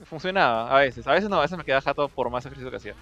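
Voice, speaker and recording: A young Peruvian man talks quickly in a loose, rambling way, restarting his sentences and dropping slang as he tells a story. His voice is bright and sits in a middle pitch. Faint music plays underneath. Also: lively intonation, highs cut off. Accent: Peruvian Spanish. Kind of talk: casual chat, storytelling.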